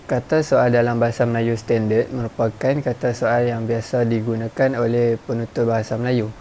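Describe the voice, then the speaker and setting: A man with a Malaysian Malay accent giving a formal, measured academic presentation from a script, like a student presenter. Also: medium pitch, warm tone, slight background noise.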